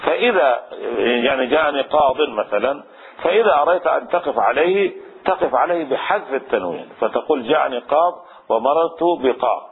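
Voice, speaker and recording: Man, grammar teacher, repeats himself, restarts often, husky, tinny lo-fi audio. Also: medium pitch, lively intonation, fairly quick. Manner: explains step by step, repeats phrases, frequent restarts. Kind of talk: traditional grammar lesson. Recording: tinny phone-like radio sound.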